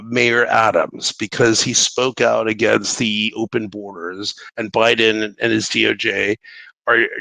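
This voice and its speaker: A man with a bright, forceful voice rambles as a caller on a talk show. He stammers and restarts often, with a gravelly edge to his casual speech. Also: medium pitch, dry recording, rough recording. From Brooklyn, New York. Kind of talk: casual political call-in talk.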